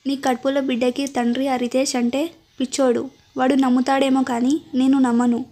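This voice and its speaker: A woman's voice: sits high, little pitch movement, fairly quick, warm tone. A woman voicing a scheming, greedy young male villain in a storybook reading, sneering and taunting.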